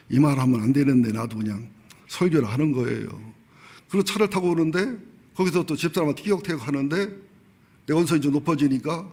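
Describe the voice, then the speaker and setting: A man's voice: medium pitch, vocal fry, darkish tone, breathy edge. A middle-aged male pastor giving a sermon, telling personal stories candidly and with humor, acting out the voices he quotes.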